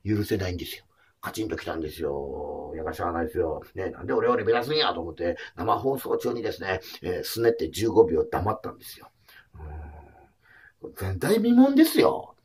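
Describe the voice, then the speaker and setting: A man in his forties with a Kansai accent, a comedian telling a film's story with lively acted-out quotes. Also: low-pitched, fairly quick, husky. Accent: Kansai Japanese. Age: 40s. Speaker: comedian reviewing a documentary film. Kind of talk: animated comic film talk.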